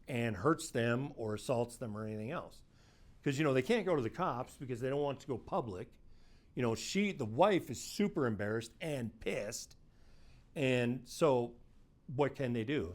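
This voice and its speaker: A middle-aged man, a private investigator, telling one of his cases in a casual, conversational first-person way. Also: mid-range voice. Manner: conversational, quotes people in his story, plain-spoken. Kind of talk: first-person case storytelling.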